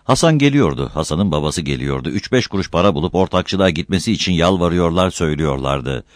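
Deep-voiced male audiobook narrator. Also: lively intonation, quick pace, no room sound. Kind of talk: scripted narration.

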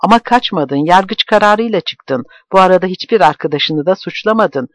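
A man voicing an agitated middle-aged man who shouts and pleads with a friend. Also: high voice, lively intonation, moderate pace, no echo, studio quality, voice pushed up. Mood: urgent. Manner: shouting, trembling with anger.

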